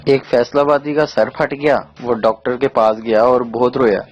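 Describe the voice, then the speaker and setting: A man, reading short jokes aloud in a steady storytelling voice. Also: mid-range voice, moderate pace. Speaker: joke narrator. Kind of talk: scripted joke narration. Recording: slightly dull sound with faint music.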